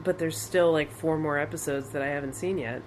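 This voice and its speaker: A woman's voice: low-pitched, fairly even intonation, a little fast, a little mellow, a little hiss or hum. A woman as a podcast guest in casual chat, making dry joking asides and laughing easily.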